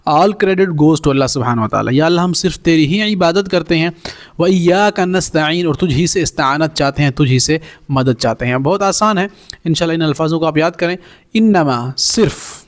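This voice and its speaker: Man, somewhat high voice, Quran Arabic teacher, slow recitation then plain explanation. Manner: explains Arabic words slowly, then translates them plainly. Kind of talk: recorded language lesson.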